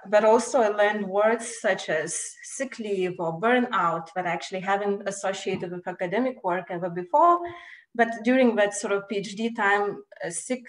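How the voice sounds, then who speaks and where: A woman postdoc researcher, whose first language isn't Danish, gives an academic webinar talk over a video call. Her medium-pitched voice comes through poor audio, and she speaks hesitantly with frequent fillers and restarts.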